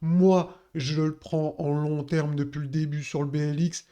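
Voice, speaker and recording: A man's voice: on the high side, level tone, measured pace, dark tone. A man talking casually through a crypto chart analysis, addressing viewers directly with many fillers.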